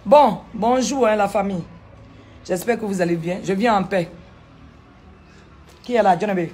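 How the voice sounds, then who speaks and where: A woman, vlogging casually from a sunny village outdoors on a handheld phone, animated and talkative, firing back at critics. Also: medium pitch, moderate pace, slight background noise. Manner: animated, chatty, retorts to critics. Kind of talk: casual vlog tour.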